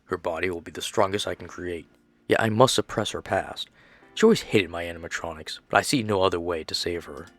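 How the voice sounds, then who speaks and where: A man's voice: deep voice, a little fast, a bit bright, soft background music. A man reading as a grieving obsessive father. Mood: grim, tender. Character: grieving male machine-maker father, obsessive.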